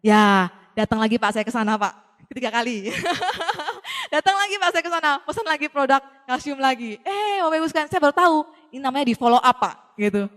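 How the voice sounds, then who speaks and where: A woman tells an audience a personal story in a quick, lively way. She acts out the dialogue and keeps speaking to her listeners directly. Her voice carries a long hall reverb. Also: sits high. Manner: addresses the audience often. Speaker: speaker giving a testimony.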